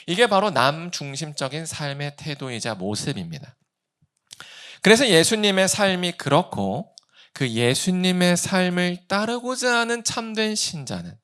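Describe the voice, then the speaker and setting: A man's voice: high-pitched, a bit bright. A male pastor in his thirties preaching a sermon, asking rhetorical questions and acting out quoted speech.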